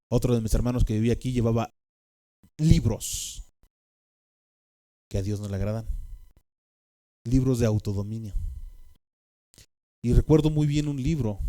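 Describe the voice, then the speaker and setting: A man's voice: medium pitch, mellow. A man with a Mexican accent telling a personal testimony, rambling with fillers and tag questions. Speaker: speaker giving a personal testimony.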